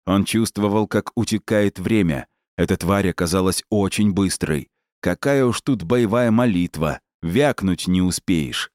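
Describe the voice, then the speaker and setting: A man narrates a novel in steady, measured scripted narration. His voice sits low and the sound is dry and close, with no room around it. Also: no room sound. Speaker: audiobook narrator.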